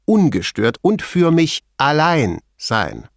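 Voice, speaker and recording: A man reading an audiobook, voicing a middle-aged male lab chief who is smug and gossipy, raising his voice high and letting it swing widely. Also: slow, no echo, clean studio sound, heavily acted. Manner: high, animated, mocking bursts.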